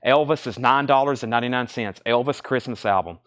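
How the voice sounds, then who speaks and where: A man's voice: medium pitch, fairly quick, a bit bright. A man hosting a live record sale like an auctioneer, calling out items, prices, bids and names in unscripted sales patter.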